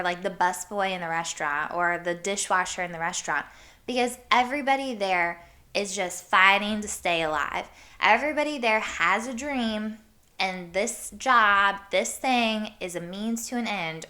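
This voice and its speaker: Hyper, bright-voiced woman podcaster. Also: medium pitch. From Iowa. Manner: hyper and animated, swears casually. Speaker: podcast host. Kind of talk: casual storytelling monologue.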